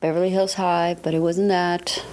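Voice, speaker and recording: A woman in her thirties, raised in Germany, talks easily with a fairly low voice. She laughs often and grows lively and bright when telling a story. The talk is relaxed and conversational. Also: moderate pace. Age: 30s. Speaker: guest barber. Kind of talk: casual chat.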